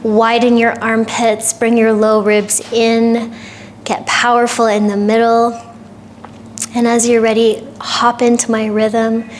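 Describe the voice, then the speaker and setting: Slow, calm woman guiding yoga. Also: fairly high pitch, a little hiss or hum. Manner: calm, gentle cueing with soft breathy asides. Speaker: yoga teacher. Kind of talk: guided yoga instruction.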